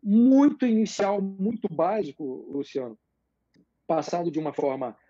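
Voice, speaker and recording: A man explaining political ideas as a guest in a live interview, measured and hesitant, with many fillers. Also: high-pitched, very animated, dark tone, slightly rough, no echo, highs cut off.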